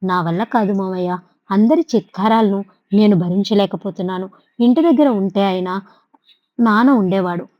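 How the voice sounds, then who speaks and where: A woman's voice: mid-range voice, normal speed, no room sound, natural voice. Brief: woman reading choked, pleading young woman, storybook, dry muffled sound. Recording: dull lo-fi recording.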